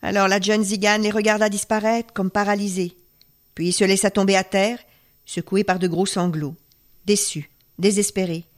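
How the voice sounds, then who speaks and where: A woman storyteller reading a folk tale aloud, expressive and dropping to a hush at tense moments. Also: medium pitch, moderate pace.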